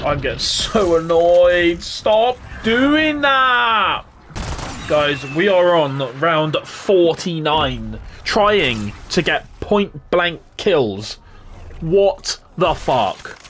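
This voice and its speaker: Excitable gamer, sweary outbursts. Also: male voice, a little high, very slow. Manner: frustrated, swearing, loud outbursts. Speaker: gaming YouTuber. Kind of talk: gameplay commentary. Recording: game noise behind voice.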